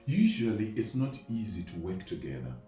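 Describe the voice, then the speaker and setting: A man gives a conversational motivational talk, illustrating his points with everyday examples. His voice is on the low side, dark and sing-song, at a moderate pace, recorded in an echoey room on a distant mic with music underneath.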